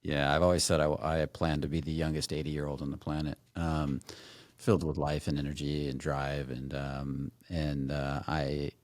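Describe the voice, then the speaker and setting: Brief: middle-aged male host, rambling and excited, dry close recording. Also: extremely low pitch, normal speed, dry recording. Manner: enthusiastic, rambling, many fillers. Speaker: podcast host. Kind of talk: casual interview chat.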